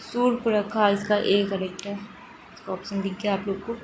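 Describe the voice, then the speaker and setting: At a moderate pace and medium pitch, a woman teacher goes through exam answers in a steady, explanatory manner. She restates the correct forms to emphasize them, with patience throughout. The audio is noisy, like something recorded at home.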